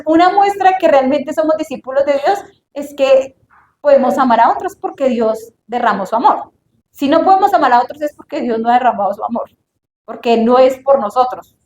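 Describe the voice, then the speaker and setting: High-voiced woman preaching. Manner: earnest, acts out prayers in a hushed voice. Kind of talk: bible teaching. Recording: echoey room with faint noise.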